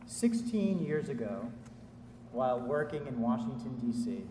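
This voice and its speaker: A man delivering a formal commencement speech as a ceremony speaker, in a measured, solemn way with deliberate phrasing. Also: medium pitch, sing-song. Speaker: ceremony speaker introducing an orator. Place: large indoor hall at a school commencement. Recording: echoey hall, distant mic, faint noise.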